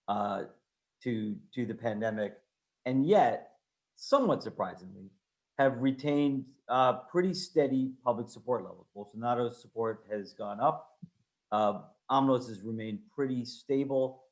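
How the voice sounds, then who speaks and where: A man's voice: medium pitch, moderate pace. A man putting a question to an online panel, careful and restarting his phrases. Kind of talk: webinar panel discussion.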